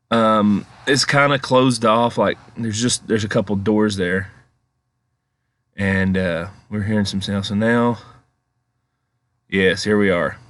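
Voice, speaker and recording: A man's voice: lowish voice, a bit bright, no echo. A man giving casual, rambling, conversational commentary as a paranormal vlog host. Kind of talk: casual storytelling commentary over footage.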